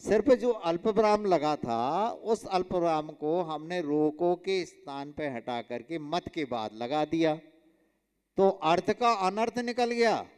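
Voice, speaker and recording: A monk teaches his class at a very slow, deliberate pace, stressing each example and asking his students questions. His voice is smooth and resonant and sits a little high for a man. A long reverb from the hall trails after every phrase. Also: animated, darkish tone. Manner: slow, emphatic, drills pronunciation with repeated examples and questions to students. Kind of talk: explanatory religious lesson.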